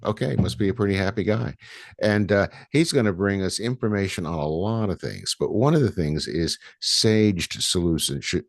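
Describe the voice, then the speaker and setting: A deep, gravelly-voiced man hosts a casual podcast interview at normal speed, chatting and rambling and often restarting his sentences. The sound is dry and clean, studio quality.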